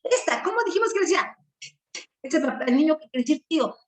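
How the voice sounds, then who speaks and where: A woman teaching letter sounds to a young child at home, coaxing and repeating each syllable slowly for the child to copy. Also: sits high, sing-song. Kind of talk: early reading lesson for children.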